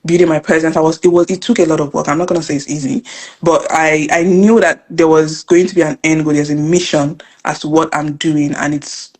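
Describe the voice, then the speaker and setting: A Nigerian woman, a financial educator and business coach, talks fast as a guest in a casual interview. Her voice is low and husky, and she tells her story earnestly and animatedly, repeating phrases.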